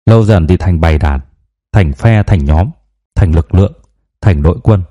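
A man reading the part of a weary, plain-spoken old grandmother in an audiobook, in a gentle, storytelling manner. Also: sits low, moderate pace, lo-fi sound.

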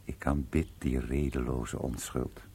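Paul, a pompous prim suitor. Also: male voice, very deep voice, fairly even intonation, unhurried, dark tone, a little hiss or hum. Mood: tender, pompous. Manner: pompous, flowery, indignant. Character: prim young male suitor, pompous and easily shocked. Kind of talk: radio play acting.

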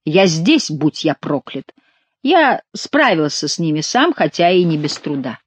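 A woman's voice: low-pitched, big pitch swings, a little slow, husky, no room sound, full character voice. A woman voicing a hot-tempered young male courtier who curses angrily. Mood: furious. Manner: angry, cursing.

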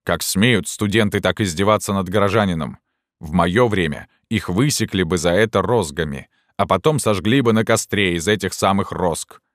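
A man's voice: sits low, normal speed, no echo, clean studio sound, close to an everyday voice. A man doing a pompous stout townsman. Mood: outraged. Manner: pompous, indignant.

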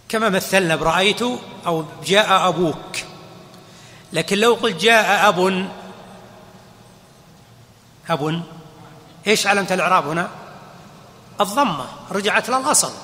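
A man's voice: high voice, pushed and bright. A man teaching grammar as a sheikh, explaining step by step and quizzing his listeners. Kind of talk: classroom explanation. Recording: long hall reverb.

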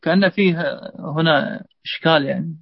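A man, a student reading a grammar text aloud in a lesson with hesitant pauses. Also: on the high side, vocal fry, slightly rough, no echo. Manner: hesitant, reads with fillers and restarts. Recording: dull lo-fi dry recording.

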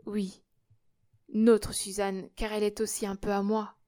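A woman reading the part of a loyal, warm-hearted young male worker, speaking tenderly and earnestly. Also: medium pitch, level tone, unhurried, close to an everyday voice. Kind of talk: audiobook character reading.

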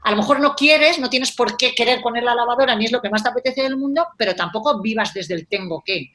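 Woman, life coach, animated, acts out example phrases, conversational. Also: a little high, quick pace.

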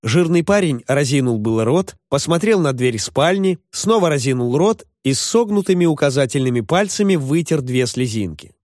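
A man reading a classic novel aloud as an expressive audiobook narrator. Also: on the high side, normal speed, few pauses, no room sound. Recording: dry close audiobook recording.

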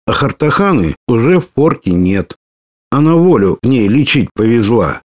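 A man voicing a lively, bold young woman warrior who talks brashly and teases. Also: medium pitch, normal speed, no echo, studio quality, pitched above the performer's own voice. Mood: indignant. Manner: brash, teasing, excitable.

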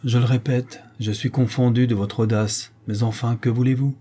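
Guy playing a cold menacing rich banker, low dark husky voice. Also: moderate pace. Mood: stern. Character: stern haughty wealthy male banker.

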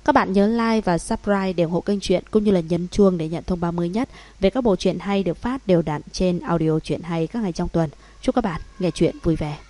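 A woman narrating a romance novel in a steady, measured audiobook reading. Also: fairly low pitch, no echo. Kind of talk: scripted narration.

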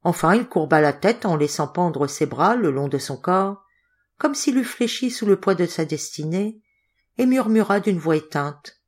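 A woman reading a storybook aloud in an expressive, measured manner. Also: on the low side. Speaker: audiobook reader. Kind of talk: storybook narration.

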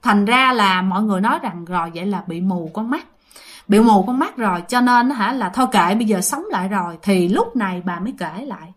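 This ghost story host speaks in a brisk, medium-pitched voice with lively intonation. She has a Southern Vietnamese accent and tells her tales casually and conversationally, repeating phrases and talking straight to the audience.

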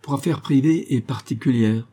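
Teasing male friend, as a narrator puts him on, brisk, husky, mellow. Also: mid-range voice, voice pushed up. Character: cheerful mischievous middle-aged male friend.

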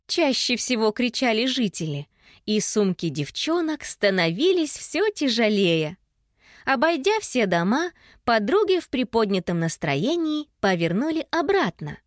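A woman narrating a children's storybook aloud in an expressive, lively storytelling manner. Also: fairly high pitch, unhurried, no echo, studio quality. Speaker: audiobook narrator.

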